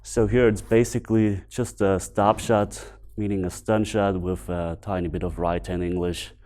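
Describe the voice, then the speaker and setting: A man from Bavaria with a German accent, a native German speaker giving casual, unscripted instructional commentary as a video host, pausing to find his words. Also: low-pitched, little pitch movement, mellow. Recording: music behind the voice. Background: background music.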